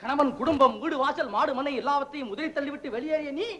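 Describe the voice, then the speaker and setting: An actor playing a melodramatic henpecked husband in a classic film, with over-the-top comic wailing and mock-epic speech. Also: male voice, very high voice, fast, crowd noise. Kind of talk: 1950s Tamil film acting.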